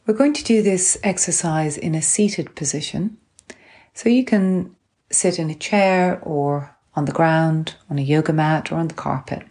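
Calm gentle woman doing a guided grounding exercise, low voice, really slow w long pauses. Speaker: guided relaxation instructor.

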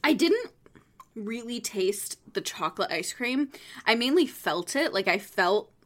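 A woman co-hosting a casual podcast, chatty and giggly with quick asides. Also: a little high, sing-song, a bit bright. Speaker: podcast co-host.

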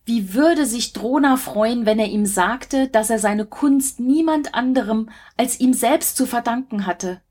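Breathy woman narrating a myth. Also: on the high side, unhurried, hardly any pauses, darkish tone. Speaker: storyteller. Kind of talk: scripted storybook narration.

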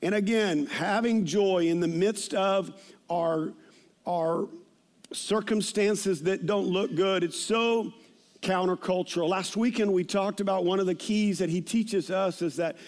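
A man in his fifties delivers a conversational sermon full of personal anecdotes in a notably high-pitched, a little mellow voice. He's unhurried and informal, often repeating phrases to drive them home.

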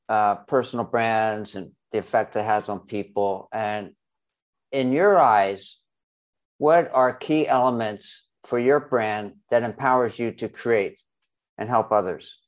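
A man's voice: mid-range voice, measured pace. A man hosting an interview podcast, asking questions hesitantly with many fillers. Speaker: podcast host. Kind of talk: interview conversation.

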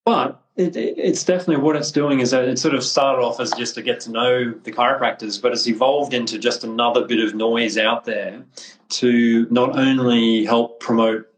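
A man's voice: mid-range voice, steady tone, normal speed, poor audio. A man hosting a casual podcast, friendly and rambling, often restarting his sentences. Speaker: podcast host, clinic representative.

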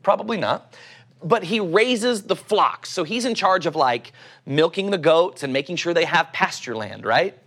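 Male preacher, middle-aged, Oklahoma accent, somewhat high voice. Conversational, teacherly delivery of scripture. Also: expressive, normal speed, a bit bright. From Oklahoma, United States. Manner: teacherly, asks rhetorical questions and answers them. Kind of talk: conversational sermon with scripture reading.

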